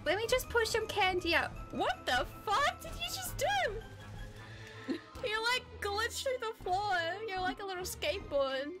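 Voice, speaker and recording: A woman's voice: very high-pitched, big pitch swings, measured pace, over music. A woman bantering casually during a game, with a playful, silly, teasing manner. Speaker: co-streamer, playing a grandma character in game.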